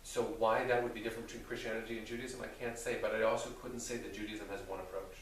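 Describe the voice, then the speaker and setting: Echoey, distant, deliberate low-voiced male rabbi. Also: flat delivery, fairly bright tone. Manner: deliberate, thoughtful, with careful qualifications. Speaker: rabbi answering audience questions. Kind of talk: theological question-and-answer talk. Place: reverberant indoor room with an audience. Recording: very echoey room, distant mic, faint noise.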